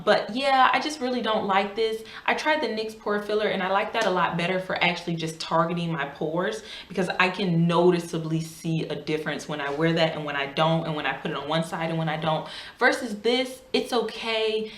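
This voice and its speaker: A woman's voice: on the low side, moderate pace, roomy sound. A woman chatting casually and emphatically in a product review, her speech slightly thick from a swollen mouth. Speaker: beauty YouTuber.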